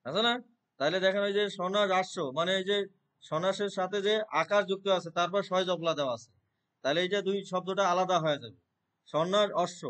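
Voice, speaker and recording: A man teaching Gita verse pronunciation in an online lesson. He explains step by step, often checks whether the student follows, and recites the verses slowly. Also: sits high, a bit bright. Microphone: online call.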